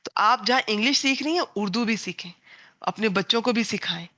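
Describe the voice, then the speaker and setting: Bright-voiced woman teacher giving a class. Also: on the high side, no room sound. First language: Punjabi. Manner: warm, earnest, digressive teacherly talk with English words mixed in. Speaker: Quran and Arabic grammar teacher. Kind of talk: online class lecture.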